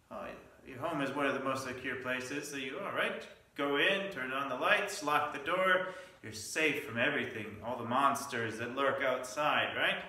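A man's voice: a little high, sharp tone. A male pastor preaching a midweek Lenten sermon, telling stories with asides and small restarts. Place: church sanctuary. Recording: echoey church sanctuary, mic at a distance.

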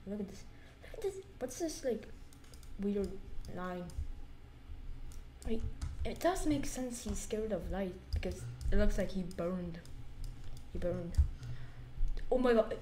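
A woman's voice: medium pitch, slow pace, long pauses, mellow. A young woman giving let's play commentary, jumpy and muttering, shrieking at scares. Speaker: gamer.

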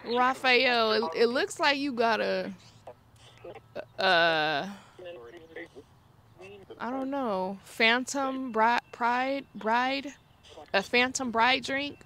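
A woman's voice: on the high side, takes it slowly, a bit bright. A woman chatting informally to viewers as a paranormal vlogger, rambling and talking aloud to herself. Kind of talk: casual chat to viewers. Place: outdoors in a cemetery.

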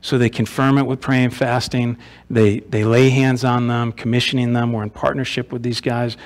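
A man's voice: medium pitch, flat delivery, normal speed. Conversational male pastor preaching. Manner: conversational, asks rhetorical questions, repeats words. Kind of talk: sermon. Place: church sanctuary.

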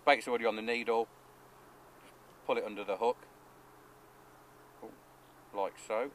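A man in his thirties, an angling coach, explaining his rig and bait step by step in a relaxed, practical way, recorded outdoors by a lake. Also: fairly low pitch, measured pace, slight background noise. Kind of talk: instructional fishing talk. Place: outdoors at a lakeside fishery.

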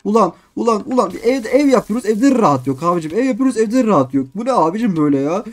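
A man giving excited let's-play commentary on a game, repeating phrases in quick bursts and constantly addressing his viewers. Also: high voice. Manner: excitable, keeps calling viewers "abicim" and "arkadaşlar". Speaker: gaming YouTuber.

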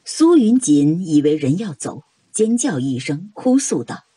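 A woman narrates a novel with dramatic, expressive storytelling. Her voice is husky and slightly low, with lively pitch swings. The recording is dry and close. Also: a little slow, dry recording. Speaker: audiobook narrator.

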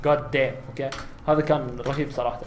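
A nineteen-year-old man from Saudi Arabia with a Saudi Arabic accent, chatting casually through gameplay and answering viewer questions, with sudden loud exclamations. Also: medium pitch, fairly even intonation, a little fast, roomy sound, a little hiss or hum. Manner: chatty, bursts into loud exclamations during fights. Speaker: gaming YouTuber. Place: small room at home, seen on facecam.

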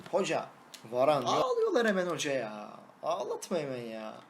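A young man, a gaming YouTuber, giving excitable live commentary on his own match, shouting and singing at goals and teasing his opponent. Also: on the high side, moderate pace, a little hiss or hum.

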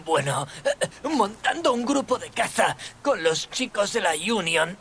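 Game dub: a captured thug, high voice, slow and low-key, noisy distant audio. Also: male voice, sing-song, a bit bright, exaggerated voice. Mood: grudging.

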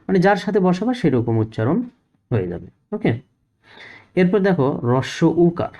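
A man's voice: on the high side, sing-song, moderate pace, mellow. A man teaching a first-grade reading lesson, patiently asking questions and answering them himself.

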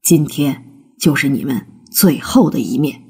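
A woman's voice: rumbling low, animated, measured pace, creaky, dark tone, slightly rough, voice pushed down, exaggerated voice. A woman voicing a stern, angry old rich father who scolds harshly, in a storybook reading.

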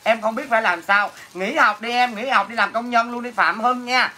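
Southern vietnamese woman selling stuff on a livestream, loud crude teasing, bright voice, kinda high. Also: normal speed. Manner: brash, teasing, crude joking with viewers. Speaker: livestream host selling goods. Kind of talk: casual livestream sales chat.

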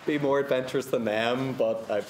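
A man's voice: mid-range voice, fairly even intonation, brisk. A young man from Belfast with a Northern Irish accent, chatting casually and self-deprecatingly. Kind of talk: casual chat. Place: indoor restaurant. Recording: roomy restaurant with crowd chatter.

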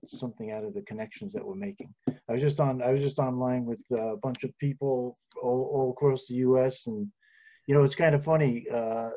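A man's voice: mid-range voice, lo-fi sound. A man in his sixties giving rambling, encouraging remarks on a video call. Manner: warm, rambling, repeats words. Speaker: ministry leader. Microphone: video call with earbuds.

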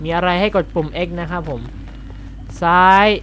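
A man commentating a game playthrough, excitable and jokey, explaining English words. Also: high-pitched, moderate pace, very noisy. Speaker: game streamer. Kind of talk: let's-play commentary.

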